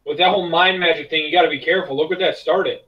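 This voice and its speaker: A man's voice: on the high side, fairly even intonation, racing, distant mic, muffled recording, voice pushed down, lightly acted. A man voicing a cocky male adventurer who teases a companion in a laid-back way. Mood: teasing.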